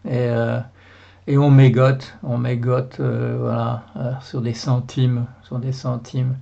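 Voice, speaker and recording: Gravelly Belgian man ranting in French. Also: medium pitch, little pitch movement, slow pace, dark tone, dull audio. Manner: rambling, indignant, many fillers and repeats. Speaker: blogger. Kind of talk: casual video monologue.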